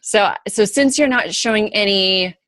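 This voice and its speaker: A woman's voice: medium pitch, measured pace, fairly bright tone, dry recording. A woman hosting a casual video chat as a book-launch coach, explaining steps and laughing often.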